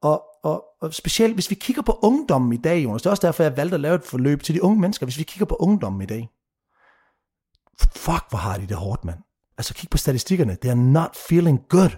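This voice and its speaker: Guy on a podcast, fired up and emphatic, swears a lot, throws in english bits, voice sits a bit high. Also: big pitch swings, dark tone, breathy edge. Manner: passionate, emphatic, swears freely, mixes in English phrases. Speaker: mentor and guest. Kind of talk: casual podcast conversation.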